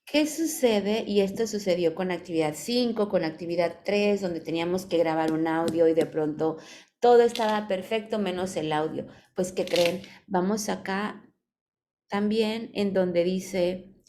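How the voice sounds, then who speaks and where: A woman's voice: on the low side, unhurried, darkish tone, slight background noise. A Mexican woman guiding students through an online class. She reads instructions from the screen and explains them patiently, with an affectionate tone toward her students. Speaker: virtual class advisor.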